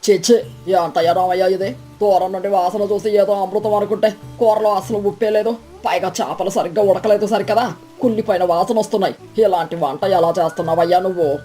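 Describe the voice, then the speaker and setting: A woman's voice: fairly high pitch, steady tone, brisk, dark tone, soft background music, lightly acted. A woman voicing a greedy, stingy village man who blusters and bullies in a storybook tale. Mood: blustering. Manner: bullying, indignant.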